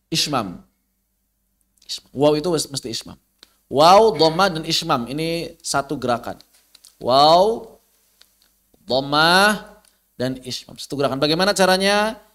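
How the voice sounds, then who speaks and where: A man's voice: fairly high pitch, lively intonation, normal speed, pauses often, a bit bright. A man with an Indonesian accent teaching tajwid online, patiently demonstrating how letter sounds are pronounced.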